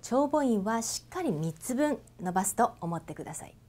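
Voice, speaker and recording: A woman teaching English pronunciation, holding out long vowels and giving gentle, encouraging instructions. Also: fairly high pitch, sing-song. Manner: models drawn-out vowels and slow example sentences. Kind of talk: pronunciation lesson.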